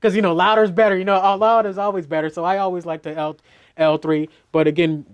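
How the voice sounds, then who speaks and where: A man's voice: sits high, level tone, fast talker, clean tone, lo-fi sound. A middle-aged mix engineer talks through his mixing process in a studio, casual and loose, full of "you know" and restarts. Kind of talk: teaching a mixing walkthrough.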